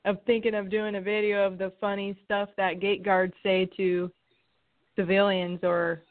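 A woman's voice: mid-range voice, flat delivery, moderate pace. A woman co-hosting a casual chat, giggly and a little hesitant. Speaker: co-host. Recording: thin phone-like audio.

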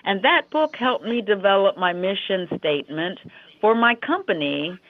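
A woman's voice: mid-range voice, animated, moderate pace. An American woman with a slightly froggy voice, talking conversationally as an interview guest. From Western Pennsylvania, United States. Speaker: interview guest, leadership consultant and coach. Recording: dry, tinny phone line.

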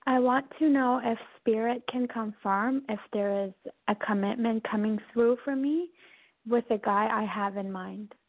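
A woman's voice: fairly high pitch, a little slow, narrow, tinny audio. A woman from Canada calling in over the phone, politely asking her question in brief replies. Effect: heard over the phone. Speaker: caller.

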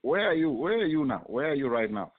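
A man's voice: medium pitch, sing-song, fast, phone-quality sound, a little hiss or hum. A man with a Zambian accent hosting a casual live radio chat, often repeating phrases for emphasis. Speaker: radio show host.

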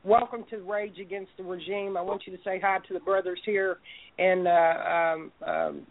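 A woman's voice: lowish voice, expressive, moderate pace, a little hiss or hum. A woman hosting a call-in talk show, blunt and emphatic, with some profanity. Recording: tinny phone-like audio.

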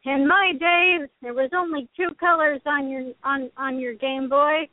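A woman's voice: high voice, steady tone, measured pace, dry recording. A woman in her thirties, co-hosting a casual chat, talking in a rambling way with restarts. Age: 30s. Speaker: podcast co-host. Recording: tinny phone-like line.

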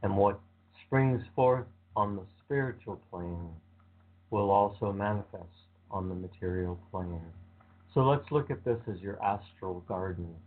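A man leading a guided visualization meditation with slow, calm, soothing instructions. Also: lowish voice. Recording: tinny phone-like sound.

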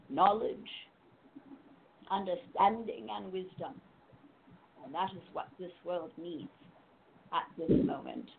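Woman channeling a slow, serene seance-medium spirit guide. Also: mid-range voice, gravelly. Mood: serene, solemn. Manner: measured, formal phrasing with drawn-out pauses and endearments. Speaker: trance channeler and spiritual medium hosting a call-in show. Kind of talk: seance medium channeling, solemn spiritual address with live callers. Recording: muffled lo-fi audio with faint noise.

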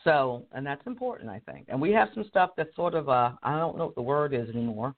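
Hoarse man, casual live host, chatty with frequent laughs, tinny phone-line sound. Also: mid-range voice, animated, brisk. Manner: chatty, laughs often, restarts sentences. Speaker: career coach and show host. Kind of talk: casual live-stream talk.

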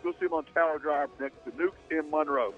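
Male sports-talk host, slightly high voice, argues his points, thin tinny broadcast crackling with fuzz distortion. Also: brisk, faint music behind. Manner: opinionated, conversational, rhetorical questions. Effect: fuzzy, distorted radio signal. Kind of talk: sports talk radio chat.

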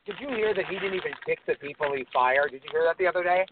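Guy calling in, fired up and scornful, kinda high voice, tinny phone sound. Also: animated, racing. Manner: heated and scornful, piling up phrases. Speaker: caller. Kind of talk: casual political rant. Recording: tinny phone line with faint hiss.

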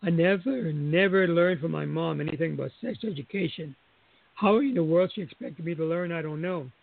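Gravelly man sharing a story by phone. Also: on the high side, a little fast. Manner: reflective, chuckling as he recalls. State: losing his voice. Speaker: caller. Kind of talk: personal testimony. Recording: dry tinny phone line.

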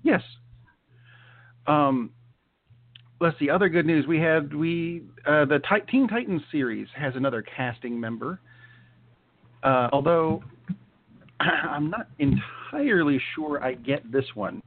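A man's voice: a little high, animated, slow, long pauses. A man co-hosting a casual chat show, talking with many fillers and restarts. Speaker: podcast co-host. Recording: tinny phone-like sound.

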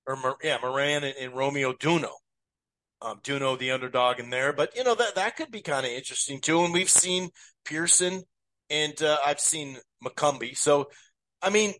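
A man's voice: mid-range voice, fairly bright tone, no echo. Rambling man talking boxing odds. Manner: rambling, self-correcting, many fillers. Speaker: boxing podcast host. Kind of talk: casual betting and fight preview chat.

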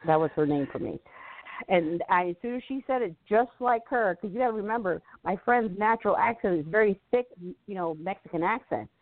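A woman's voice: mid-range voice, animated, brisk, no echo. Chatty woman host on a phone line. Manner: chatty, laughs often, affectionate asides. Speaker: radio show host. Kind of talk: casual spiritual talk radio chat. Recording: dry tinny phone-line sound.

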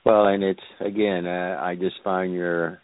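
A man hosting an interview, speaking in an encouraging, soft-spoken way. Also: low voice, flat delivery, measured pace, no echo. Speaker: host. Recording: tinny phone-line audio.

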